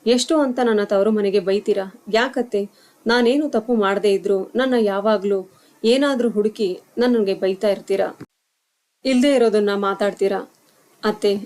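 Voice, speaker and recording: A woman's voice: medium pitch, a little mellow, close to an everyday voice. Woman doing young bride, hurt but dignified, pleading earnestly, storybook.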